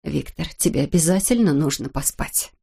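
A gentle, gravely ill wife speaks slowly and softly, pausing for breath, as a woman reading aloud puts her on. Her voice sits low and quiet, and every phrase sounds weak. She comes from a read-aloud story. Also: expressive, exaggerated voice. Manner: soft, breathy, slow.

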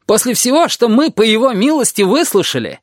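A reader voicing an irritable, sharp-tongued female teacher who rants in indignation, in an audiobook. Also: medium pitch, big pitch swings, moderate pace, no room sound, clean studio sound, voice pushed up, close to an everyday voice. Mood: indignant. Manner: indignant, fuming. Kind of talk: audiobook character voice.

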